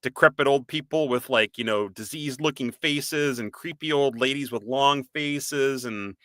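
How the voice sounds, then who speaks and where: A man with a Boston accent co-hosting a live-stream podcast, chatty and animated, reading out viewer comments and quizzing his co-host. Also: medium pitch, normal speed, dry recording. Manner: animated, reads out viewer comments, laughs often. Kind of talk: casual live-stream chat.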